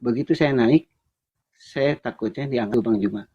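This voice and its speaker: A man joining a religious debate remotely, talking in a halting, careful way while his call audio glitches and breaks up. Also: medium pitch, husky. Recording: dull lo-fi remote call line.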